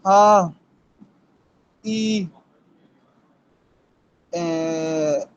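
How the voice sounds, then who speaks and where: A male student reciting letters in an online class, slow and halting. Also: a little high, clean tone. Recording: dull lo-fi call audio.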